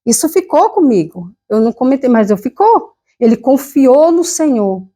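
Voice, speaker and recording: A woman's voice: high voice, sing-song, normal speed, dark tone. A woman from Brazil with a Brazilian Portuguese accent, preaching a fervent, emotional sermon with personal testimony at a church service. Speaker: lay preacher.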